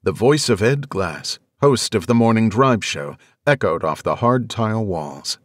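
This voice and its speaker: Low-voiced man narrating an audiobook. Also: no echo, clean studio sound. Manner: measured, even storytelling.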